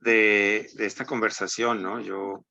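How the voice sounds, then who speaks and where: A man's voice: on the low side, little pitch movement, slow pace, pushed and bright, dull audio. A man from Colombia with a Colombian accent, speaking as a university academic in a conversational panel, thoughtful and hesitant, often ending with "¿no?". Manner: thoughtful, hesitant, many "¿no?" tags.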